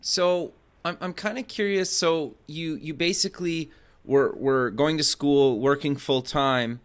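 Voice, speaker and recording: This interview host, who works in podcasts and radio, has a slightly high voice with fairly even intonation and an unhurried pace. He asks questions in a relaxed, curious way, hedging loosely and leaning on "kinda" a lot.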